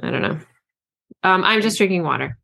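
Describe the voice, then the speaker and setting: A woman's voice: fairly low pitch, lively intonation, fairly quick, creaky, bright, forceful tone. A woman co-hosting a podcast about books, chatting in a bubbly way with many fillers and giggles. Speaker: podcast co-host, author. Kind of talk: casual chat.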